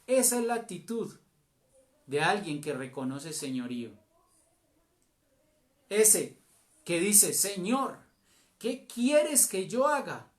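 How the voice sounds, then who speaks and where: Slow, deliberate Colombian elder preaching. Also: male voice, a little high. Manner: slow, deliberate preaching with long pauses and emphatic phrases. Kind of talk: sermon. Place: church.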